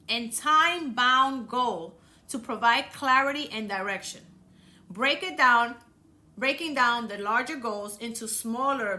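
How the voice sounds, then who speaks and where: Earnestly coaching her listeners, this Dominican-accented woman from the Dominican Republic hosts a motivational podcast and repeats words frequently to drive points home. She speaks with a sharp tone in a voice on the high side.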